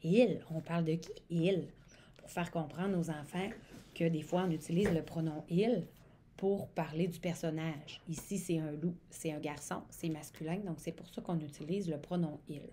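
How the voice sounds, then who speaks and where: Mellow-voiced woman teaching. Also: low-pitched, moderate pace, slight background noise. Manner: animated, speaks as if to young children, stretches words. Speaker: early childhood educational support worker. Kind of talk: demonstration lesson on interactive reading.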